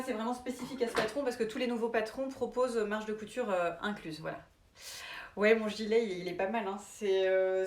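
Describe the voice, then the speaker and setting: Chatty woman teaching sewing, echoey room. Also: mid-range voice. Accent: English. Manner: relaxed and chatty, many fillers. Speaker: sewing instructor. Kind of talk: live sewing tutorial.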